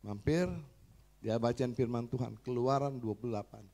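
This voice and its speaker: A male pastor preaching a sermon and giving a personal testimony, earnest, moving from soft talk to loud, fervent preaching. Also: mid-range voice, steady tone, moderate pace. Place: church service.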